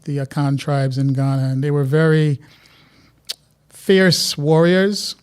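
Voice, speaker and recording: A man from Guyana, a guest artist telling stories in a relaxed interview chat, often restarting his sentences. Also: on the high side, takes it slowly, clean tone. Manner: reflective, storytelling, many restarts.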